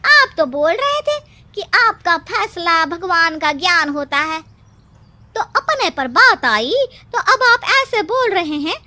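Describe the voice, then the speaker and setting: Woman playing a taunting cartoon villager, very high, piercing, lively. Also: takes it slowly, exaggerated voice. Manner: scolding and taunting. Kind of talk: cartoon voice acting.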